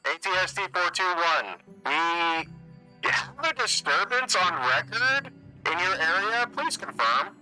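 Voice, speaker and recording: A man's voice: high-pitched, very animated, slow pace, sharp tone, faint music behind, voice pushed up, full character voice, poor audio. Man doing curt Imperial officer over cockpit comms. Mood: official. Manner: clipped, formal radio protocol. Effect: voice heard over cockpit comms radio. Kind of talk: tabletop game voicing.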